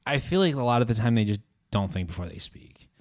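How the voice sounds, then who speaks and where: A man's voice: on the low side, sing-song, quick pace, a little mellow, no room sound, clean studio sound. A young man co-hosting a podcast, chatting casually with slang and lots of "like" and "dude". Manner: casual slangy banter, says dude and like a lot. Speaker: podcast co-host. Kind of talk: casual chat.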